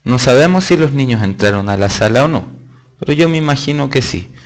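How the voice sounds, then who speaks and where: Brisk and animated, a medium-pitched man with a Chilean accent teaches a live online test-prep lesson. He walks through each step, punctuating it with emphatic stresses and chatty side remarks.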